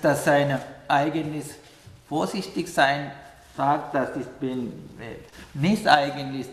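Slow, halting man in an echoey room. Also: mid-range voice. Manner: halting, searching for words, frequent questioning "ja?". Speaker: meditation teacher who accompanies the dying. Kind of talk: calm reflective interview answer. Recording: echoey room with long reverb.

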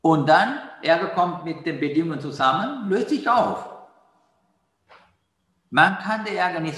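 A man giving a calm dharma talk on mindfulness as a meditation teacher, patiently repeating his key phrases. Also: a little high. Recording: roomy hall with long reverb.

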